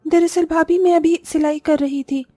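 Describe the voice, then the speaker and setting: A woman's voice: extremely high pitch, fairly even intonation, normal speed, dark tone, faint music behind, pitched above the performer's own voice. A woman voicing a meek, overworked young sister-in-law who answers timidly and submissively. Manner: pleading, submissive.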